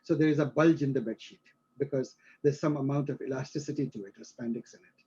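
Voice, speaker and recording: A man's voice: mid-range voice, fast, mellow, husky, highs cut off. A male instructor explaining a concept to a live class, using everyday examples and often checking that students follow.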